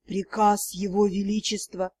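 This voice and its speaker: A woman reading an audiobook, voicing a male subordinate giving slow, clipped, dutiful reports to his lord. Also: medium pitch, level tone, darkish tone, slightly rough, voice pushed down. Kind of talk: audiobook character voice.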